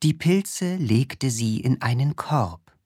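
A woman reading a children's story aloud in a slow, expressive way. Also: very deep voice, no room sound, studio quality.

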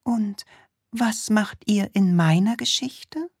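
A woman voicing a gentle young storybook princess who speaks softly and with wonder. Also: medium pitch, slow, slightly rough, no echo, studio quality, pitched above the performer's own voice.

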